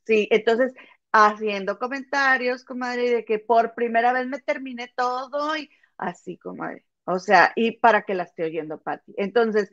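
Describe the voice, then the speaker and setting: A woman's voice: a little high, dry recording, highs cut off. A woman telling a story in a casual gossip chat with her friend, calling her comadre.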